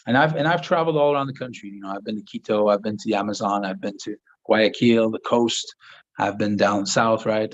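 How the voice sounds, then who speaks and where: Hosting a laid-back live Q&A from his home office in Southern Ecuador, a native French-speaking man rambles through viewers' questions with plenty of fillers. His voice sits on the low side, and the recording is muffled.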